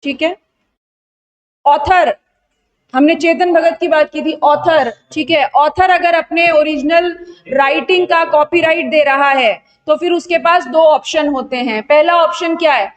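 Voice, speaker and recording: High-voiced Indian woman quizzing a class. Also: unhurried. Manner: quizzing students and answering her own questions; mixes Hindi with English technical terms. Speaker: GST exam tutor. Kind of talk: online revision lecture.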